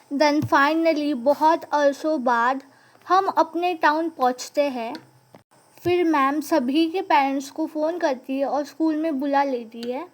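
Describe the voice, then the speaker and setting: A woman with a high voice recounts a personal story at an unhurried pace. She tells it dramatically, repeating phrases for emphasis. She slips English words into her talk. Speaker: vlogger.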